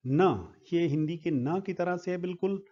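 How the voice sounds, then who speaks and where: Slow guy teaching phonetics, breaks every word into sounds, dull lo-fi sound. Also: high-pitched. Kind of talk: phonetics lesson at a board.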